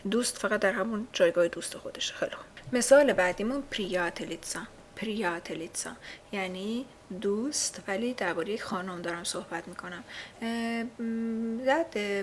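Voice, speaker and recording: A woman's voice: medium pitch, a little hiss or hum. A woman teaching a language in a casual spoken lesson, explaining patiently with many fillers and frequent checks on her students. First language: Persian.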